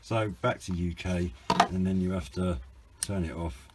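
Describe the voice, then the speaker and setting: A British man reviews a hobby product in a low-pitched, fairly even voice at a measured pace, with heavy background noise. The unboxing is informal and understated, and he sounds hesitant and slightly rambling.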